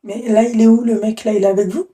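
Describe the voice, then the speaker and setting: A woman's voice: on the high side, fairly even intonation, fast, warm tone. A woman hosting a live call-in show, pressing her caller with affectionate, probing questions. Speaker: host. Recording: echoey room, distant from mic.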